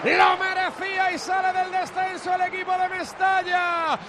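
Male football commentator, Spain accent: breakneck goal calls, very high-pitched shouting over a roaring crowd. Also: completely flat delivery, normal speed. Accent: Spanish from Spain. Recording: very noisy stadium, roaring crowd. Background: loud stadium crowd.

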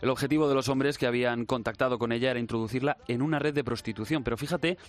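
A man co-presenting a radio news story with a brisk, lively reading. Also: medium pitch. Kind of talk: scripted news narration.

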